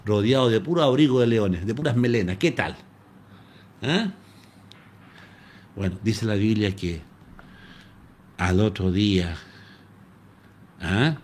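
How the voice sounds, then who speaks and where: Man, Chilean Spanish accent, pastor, lively pitch, storytelling sermon. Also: slow pace, pauses often, a little hiss or hum. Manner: animated storytelling, addresses listeners as "hermano". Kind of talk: live-streamed sermon.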